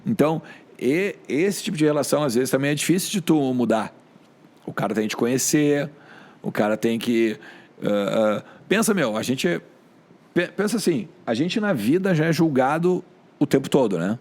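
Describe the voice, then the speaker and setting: A middle-aged man with a Rio Grande do Sul accent, a sports journalist telling stories in an animated, colloquial way on a podcast. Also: mid-range voice, normal speed. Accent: Rio Grande do Sul Portuguese. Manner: animated, colloquial, with frequent filler tags. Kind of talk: casual podcast storytelling.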